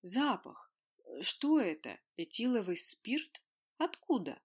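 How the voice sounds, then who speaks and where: A woman voicing a naive, friendly female dragon who asks wondering questions slowly in broken grammar. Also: medium pitch, fairly bright tone. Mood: curious.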